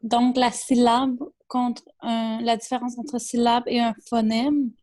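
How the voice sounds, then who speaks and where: A woman's voice: fairly high pitch, flat delivery, slow pace, darkish tone. A woman student answering hesitantly in class, unsure and asking for help.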